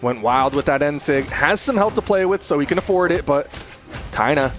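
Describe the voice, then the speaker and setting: A man's voice: on the high side, animated, normal speed, fairly bright tone, soft background music. A man working as an esports caster, giving play-by-play commentary on a fighting game in short bursts.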